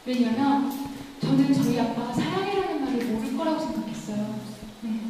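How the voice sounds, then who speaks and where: A woman in her thirties giving a lecture in a university lecture room, telling personal stories and asking the audience questions. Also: sits high. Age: 30s. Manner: chatty, warm storytelling, asks the audience questions. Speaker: communication lecturer. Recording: echoey lecture hall from far off, faint noise.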